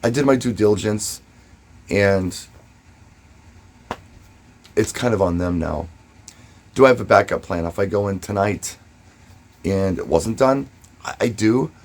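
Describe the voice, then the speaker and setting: Here the DJ and vlogger's husky voice sits lowish with a darkish tone as he offers advice from his own experience and spins stories. His delivery is relaxed yet emphatic, with brief dramatic pauses.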